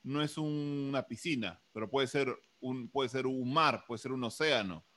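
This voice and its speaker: A man's voice: mid-range voice, moderate pace, pushed and bright. A man hosting a casual interview, jumping in to explain terms for the listeners. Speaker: host, interviewer.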